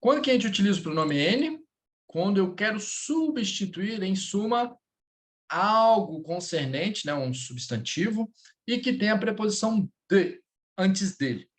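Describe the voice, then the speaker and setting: A man's voice: high voice, animated, measured pace. A Brazilian man teaching French in a live lesson, speaking Portuguese with a Brazilian accent, patiently repeating words and checking in with his students.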